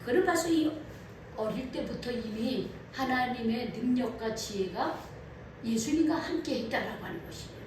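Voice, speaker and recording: Animated woman preaching in an echoey hall. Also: fairly high pitch, normal speed, far from the mic, background noise. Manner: animated, asks the congregation questions. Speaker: pastor. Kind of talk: sermon. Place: church sanctuary.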